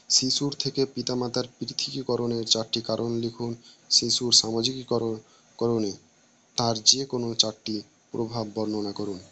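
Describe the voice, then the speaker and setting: A teacher reads an exam paper aloud question by question, in a level, slightly rough voice of medium pitch with little rise and fall. He goes through the answer choices at a measured, steady pace, now and then stopping to restart a word.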